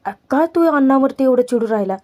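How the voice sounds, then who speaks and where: A woman's voice: sits high, expressive, fairly quick, warm tone. A woman voicing a village man who scolds and wonders aloud, within a TV serial recap. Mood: puzzled. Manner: scolding, bewildered. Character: puzzled village man, family member.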